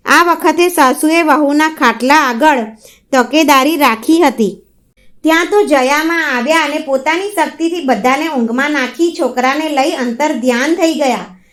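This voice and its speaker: A woman narrating a devotional folk story in a steady, even read-aloud manner. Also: high-pitched, a little slow.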